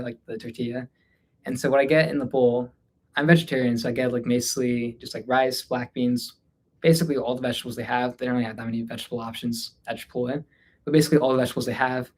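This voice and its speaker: On a casual, unscripted Q&A stream, a Delhi-area man from North India talks in Hindi peppered with English. His medium-pitched voice is steady, quick, and a bit mellow, though he sounds tired and casual, hesitating and drifting off mid-answer. The audio quality is poor.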